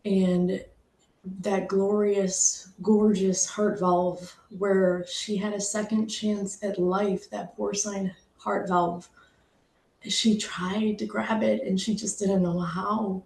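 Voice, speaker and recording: Woman, middle-aged, mid-pitched, emotional personal storytelling, echoey room. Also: little pitch movement, vocal fry, darkish tone. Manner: emotional, heartfelt, pausing, fighting back tears. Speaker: speaker sharing a personal story.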